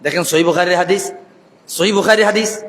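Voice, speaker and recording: A man's voice: high-pitched, a little fast, fairly bright tone. A man preaching a fervent sermon, chanting and sing-song, calling out to the crowd over a PA system. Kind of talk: Bengali waz sermon. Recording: echoey PA sound with long reverb.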